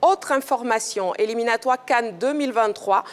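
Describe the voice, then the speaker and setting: A woman host reading sports news in a clear, measured way and handing over to a colleague. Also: fairly high pitch, soft background music. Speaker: show host. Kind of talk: news reading and studio hosting.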